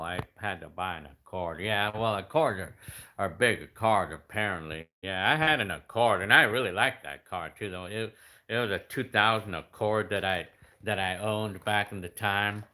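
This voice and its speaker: A man's voice: on the low side, normal speed, pushed and bright. A fifty-year-old man chatting casually as he reads out viewer comments, rambling with many restarts and fillers. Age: 50s. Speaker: YouTube creator answering comments.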